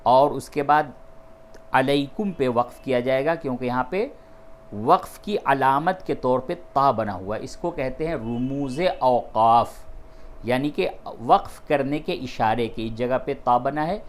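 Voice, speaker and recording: Man, patient Quran recitation tutor, mid-pitched, explains rules slowly, repeats terms. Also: slight background noise. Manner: switches between plain explanation and slow, drawn-out melodic recitation. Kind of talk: step-by-step tajweed lesson.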